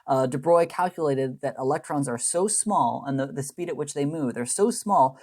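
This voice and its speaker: This man's voice sits on the high side and sounds a little mellow, moving at normal speed. He's a chemistry instructor in a recorded lecture, talking through slides in a rambling, loose manner with frequent tag questions and mid-sentence corrections. He plays down the math.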